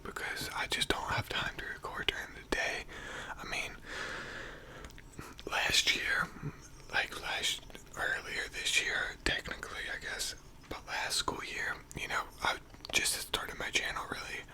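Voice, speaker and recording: An American teenager whispering a casual, rambling ASMR monologue, quiet as if late at night. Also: measured pace. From North Carolina, United States. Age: teenager, around 16 to 18. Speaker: ASMR video creator.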